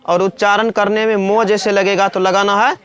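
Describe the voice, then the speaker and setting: Here a female teacher speaks at medium pitch and moderate speed, her intonation barely moving. In a slow spelling lesson aimed at kids, she asks things, supplies the answers on her own, and goes over each point twice.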